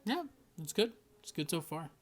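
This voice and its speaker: A man's voice: a little high, sing-song, normal speed. A man reviewing an album in a casual reaction video, chatty and enthusiastic, with lots of "like" fillers.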